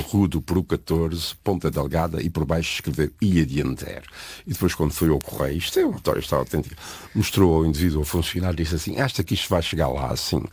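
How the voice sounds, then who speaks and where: A man's voice: extremely low pitch, a little mellow, breathy edge, no room sound. An older man from São Miguel, an interview guest telling stories and musing, drifting off into history and geography as he talks. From Azores, São Miguel. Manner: digressive, reflective, lecturing. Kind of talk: conversational storytelling interview.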